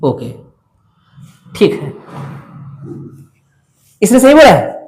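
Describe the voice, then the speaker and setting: A man's voice: high voice, huge pitch swings, extremely slow, a little mellow. A male math teacher lecturing a class, coaxing his students with frequent questions.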